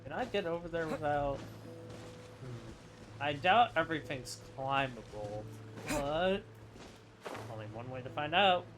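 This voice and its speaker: A man plays a game and offers casual, opinionated commentary, thinking aloud as he goes, with clear game music behind his voice. His voice is a little high and expressive, and he takes it slowly with long pauses.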